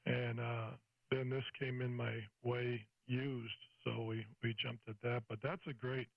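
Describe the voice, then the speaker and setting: Creaky and a little slow, this older American ham operator's mid-range voice shows little pitch movement. He chats on at length over two-way radio, casual and talkative, handing over with "over" and similar procedure words. The recording is dry, with the highs cut off.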